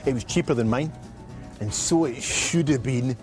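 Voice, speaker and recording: A man's voice: mid-range voice, normal speed, over music. A man, an antiques expert, bantering casually with dry teasing on television.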